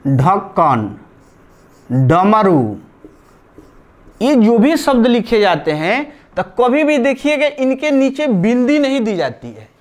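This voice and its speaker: A man's voice: very high-pitched, sing-song, a little slow, hardly any pauses, a little mellow. A man teaching a live online grammar class, explaining step by step and repeating key terms while he writes on a board.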